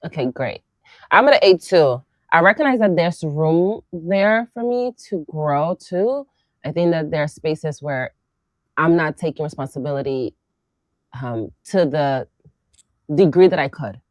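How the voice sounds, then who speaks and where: A woman hosting a casual conversation, reflective and lively, laughing often. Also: deep voice, unhurried, dry recording. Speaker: podcast host and coach.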